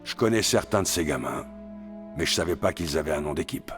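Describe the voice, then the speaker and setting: An actor playing a gruff, grizzled male mutant brawler from Canada in a French video game dub, blunt and sardonic. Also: a bass voice, expressive, fairly quick, music in the background. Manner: blunt, sardonic, laid-back.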